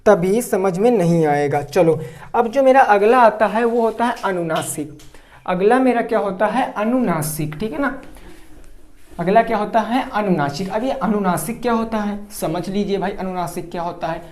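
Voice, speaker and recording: This male teacher's voice sits high with a darkish tone, moving at a moderate pace through an exam-prep grammar lesson. Answering his own questions, elongating his example words and constantly confirming students understand, he's recorded in an echoey room.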